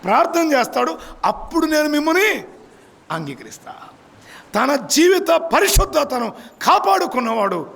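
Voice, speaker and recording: Man, church sermon, high lively voice, husky, emphatic questioning. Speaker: pastor.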